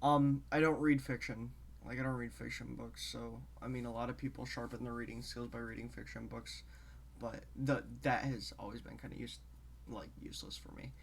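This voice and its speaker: A man's voice: medium pitch, fairly even intonation, gravelly, slight background noise. A man with a mid-range voice, talking alone to camera in a loose, rambling way. He halts often and wanders from one topic to the next, and he sounds a bit congested. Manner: rambling, halting, drifts between topics. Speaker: show host. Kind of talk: casual solo talk to camera.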